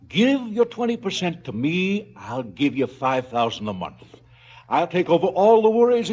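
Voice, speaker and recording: In a stylized radio drama, an actor plays a callous, blustering male crime boss who is slangy and falsely fatherly. His voice is husky and fairly high-pitched.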